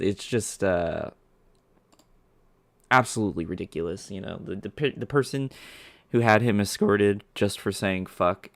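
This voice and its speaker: A male streamer talks over a clip he is reacting to. His speech is profane and rambling, full of ums and restarts, and his voice sits at a middling pitch with a gravelly fry. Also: dry recording. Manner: profane, rambling, ranting with fillers. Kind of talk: live-stream reaction commentary.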